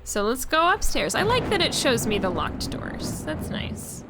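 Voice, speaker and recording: Giggly young woman streamer, high voice. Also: very animated, measured pace, background noise. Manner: joking, giggly, swears casually. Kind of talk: casual gameplay commentary.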